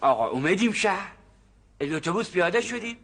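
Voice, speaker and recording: An actor playing a nervous rural farmer who tells his story in hushed, dramatic whispers, in a TV comedy series. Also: sits high, sing-song, heavily acted. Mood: secretive. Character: nervous rural male farmer, secretive and fussy. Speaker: farmer explaining a find.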